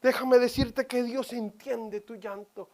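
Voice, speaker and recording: Dramatic high-voiced woman preaching. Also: steady tone, slow pace. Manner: dramatic, swings from loud to hushed whispers. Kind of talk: sermon. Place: church.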